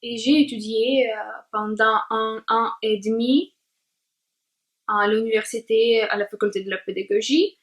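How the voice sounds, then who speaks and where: A young woman from Latvia, whose first language is Russian, introduces herself in a learner's vlog. Her voice is slightly high, and she speaks slowly and carefully, hesitating and using many filler sounds as she searches for words.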